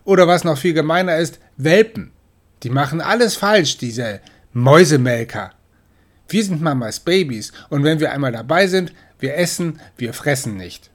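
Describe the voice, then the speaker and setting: A man's voice: on the high side, lively intonation, normal speed, pitched above the performer's own voice, lightly acted. A man voicing the oldest and strongest male kitten of a litter, boastful and mocking, in a storybook.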